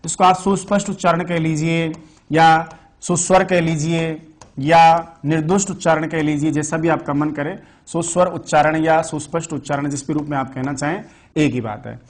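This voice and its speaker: A man's voice: on the high side, steady tone, moderate pace. A man teaching Sanskrit grammar in an online exam-prep lecture. He asks questions and answers them himself, and repeats the key terms.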